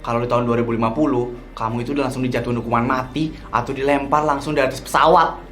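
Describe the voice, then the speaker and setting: A man voicing a calm, gentle young man from the future who speaks softly and politely. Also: medium pitch, rapid-fire, soft background music, lightly acted. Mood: plain. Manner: soft, polite and soothing.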